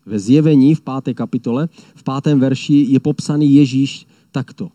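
A man preaching a sermon in an earnest, measured way, often restating his point. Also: mid-range voice, warm tone, dry recording. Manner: earnest, measured, repeats phrases.

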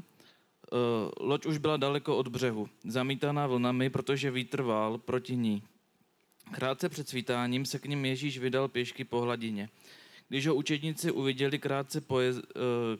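Young man, hesitant Bible reading and casual reflection, mid-range voice. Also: mid-range voice. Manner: hesitant, many fillers and self-corrections. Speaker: youth speaker sharing a Bible verse.

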